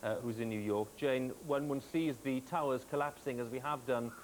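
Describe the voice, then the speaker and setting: A man's voice: medium pitch, fairly even intonation, normal speed. Male British news anchor, formal live hand-offs, worn tape copy with faint hiss. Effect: worn VHS tape copy with hiss. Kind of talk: live studio news presenting. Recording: hissy worn videotape copy.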